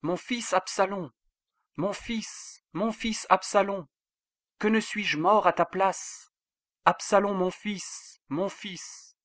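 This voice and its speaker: A man's voice: on the high side, expressive, normal speed, a bit bright, dry recording, studio quality. A man voicing a grieving old king who laments his son in a raised voice.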